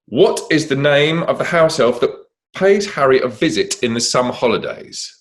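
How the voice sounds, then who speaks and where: A man's voice: medium pitch, big pitch swings, moderate pace. A middle-aged man co-hosting a quiz, reading questions and telling backstage stories. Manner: reads questions cheerfully, chatty and anecdotal. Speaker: quiz co-host.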